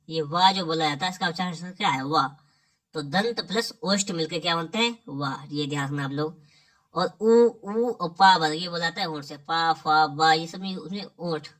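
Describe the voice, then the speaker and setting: A man teaching an exam-prep lesson in a bright, forceful voice. He keeps firing questions at the students and answering them himself, with "theek hai" after each point. The voice sounds a little distant from the microphone. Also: high-pitched. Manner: quizzes the listener, repeats "ठीक है".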